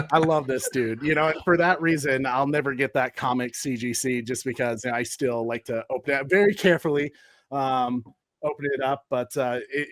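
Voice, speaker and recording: In his thirties, this man is a podcast guest with a mid-range voice, recorded dry. He tells stories in a rambling, easygoing way, full of fillers, in casual chat.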